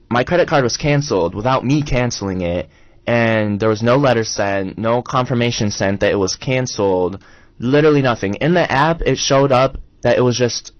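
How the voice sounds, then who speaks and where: A young man co-hosting a college radio talk show tells a long, animated story with open exasperation. His voice sits at an everyday middle pitch, recorded close and dry. The sound is a touch dull and lo-fi. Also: dry recording. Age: young adult. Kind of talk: casual storytelling chat.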